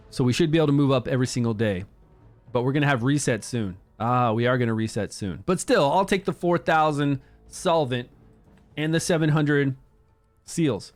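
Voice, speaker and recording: A man casually commenting during a game livestream, chatting with viewers and greeting them by name. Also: medium pitch. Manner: upbeat, promotes the game.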